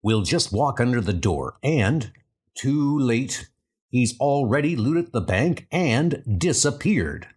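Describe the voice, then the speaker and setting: A man's voice: mid-range voice, big pitch swings, slow, slightly rough, full character voice. A man playing an earnest, stern scientist superhero in a comic-book dub, with a dramatic delivery. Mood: determined. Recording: loud music under the voice.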